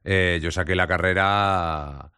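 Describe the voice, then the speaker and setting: A man, hosting a radio show and telling anecdotes in a lively, laughing way. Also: sits low, slow pace, clear, resonant tone, no echo, clean studio sound. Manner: animated storyteller, laughs often. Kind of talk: casual chat.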